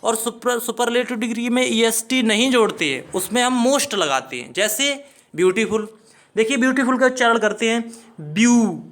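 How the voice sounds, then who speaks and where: A man's voice: very high-pitched, fairly bright tone. A man teaching an English grammar lesson, explaining rules methodically and spelling words out letter by letter.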